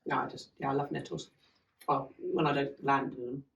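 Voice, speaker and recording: A woman's voice: a bass voice, steady tone, normal speed, creaky. A woman guest on a casual podcast, chatty and rambling with self-deprecating asides, talking about her farm. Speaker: guest running a farm learning hub. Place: half-open converted cart lodge on a farm. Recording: echoey room, mic at a distance.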